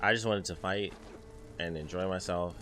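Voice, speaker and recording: A man's voice: sits low, steady tone, normal speed. A man giving casual, chatty gameplay commentary as a streamer, with exasperated asides. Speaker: gaming streamer. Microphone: desk mic, streaming setup. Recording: game music underneath.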